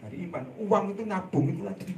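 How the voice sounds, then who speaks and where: A man preaching a sermon in a church hall, telling a story with laughter and sudden loud outbursts. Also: high voice, lively intonation, fast talker, vocal fry, background noise. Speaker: evangelist preacher. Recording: echoey hall, voice from a distance.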